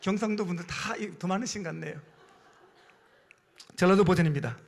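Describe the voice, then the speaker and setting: A man's voice: high voice, fairly quick, vocal fry, slight background noise. A man preaching a sermon as pastor in a church, emphatic and calling out to the congregation for responses. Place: church sanctuary.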